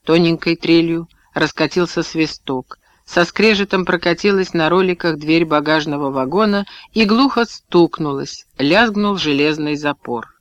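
A man's voice: fairly high pitch, a little slow, few pauses, a bit bright, no room sound. Man narrating an audiobook, dry and close. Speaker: audiobook reader. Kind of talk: scripted narration.

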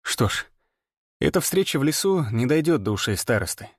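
A man tells a first-person story in measured, grim audiobook narration. His voice sits at a middle pitch, and the close mic sounds dry with no room around it. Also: big pitch swings, dry recording.

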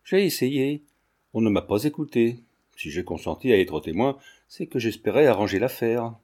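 An earnest young man in a storybook, as a reader puts him on, explaining himself defensively. The voice is mellow and darkish, at an ordinary pitch. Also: expressive, moderate pace, close to an everyday voice.

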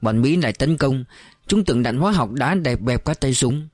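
A man narrating an audiobook in a steady, measured storytelling voice. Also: medium pitch, no room sound.

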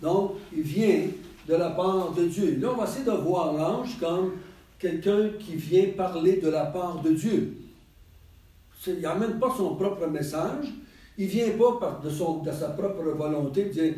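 High-voiced Quebec man leading Bible study. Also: a little slow, warm tone. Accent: Quebec French. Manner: chatty and digressive, laughs often. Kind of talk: casual group Bible teaching. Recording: roomy echo, mic far off.

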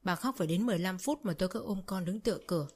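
A woman with a lowish voice narrates a first-person family story. She reads every character's lines herself, changing her voice a little for each. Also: rapid-fire, husky. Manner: reads all parts herself with light shifts for quoted voices.

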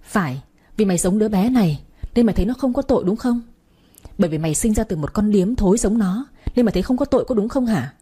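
A woman's voice: medium pitch, animated, fast, dark tone, husky. Woman voicing a cruel sneering villainess. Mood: venomous. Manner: sneering, hissing threats.

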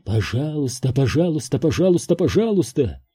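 A man doing a slow, mocking ghost. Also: mid-range voice, very animated, dark tone, slightly rough. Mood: taunting. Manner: slow, taunting repetition. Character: mocking male ghost, cruel and sneering.

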